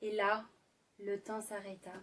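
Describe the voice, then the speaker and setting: A woman doing an ASMR role-play as a sultry, intimate ASMR narrator, speaking sensually to the listener with lingering pauses. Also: medium pitch, monotone, fairly bright tone, far from the mic. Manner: slow, lingering delivery with deliberate pauses. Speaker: ASMR performer.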